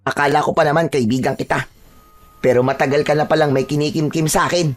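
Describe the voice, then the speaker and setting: A man's voice: high-pitched, fairly quick, faint music behind, pitched above the performer's own voice. A man voicing a young chieftain's son who speaks in a reproachful, wounded way, in a storybook tale. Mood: resentful.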